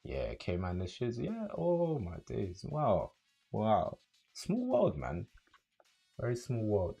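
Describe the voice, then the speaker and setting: Deep gravelly London streamer. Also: male voice, slow pace, soft background music. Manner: relaxed, rambling, many fillers and restarts. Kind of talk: casual livestream chat with viewers.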